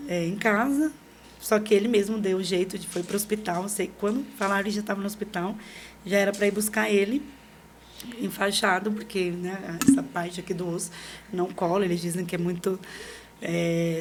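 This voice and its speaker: A middle-aged Brazilian woman, a podcast guest, telling a personal story in a lively way, acting out what people said and laughing often. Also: mid-range voice, slight background noise. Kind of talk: personal storytelling in a casual interview.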